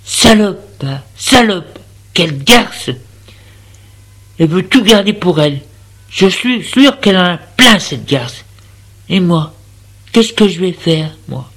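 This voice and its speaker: A man's voice: high-pitched, lively intonation, takes it slowly, long pauses, fairly bright tone, exaggerated voice. A man doing a plaintive, self-pitying young man. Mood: bitter. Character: anxious, weary young man, pleading then bitter.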